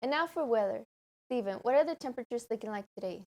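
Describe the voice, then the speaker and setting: Teen girl anchor, a bit high. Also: expressive, fast, a little mellow. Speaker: student news anchor. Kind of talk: scripted news reading.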